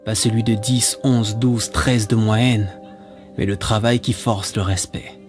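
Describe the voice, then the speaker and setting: With music behind him, a man reads a scripted spoken-word monologue in a solemn, exhorting manner, leaning on rhetorical repetition. His voice is lowish with fairly even intonation, and he keeps a measured pace.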